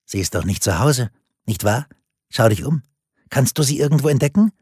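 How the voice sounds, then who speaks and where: A man's voice: fairly low pitch, normal speed, darkish tone, slightly rough, dry recording, clean studio sound. A man voicing a cold male kidnapper on the phone who disguises his voice and speaks in a taunting, commanding way.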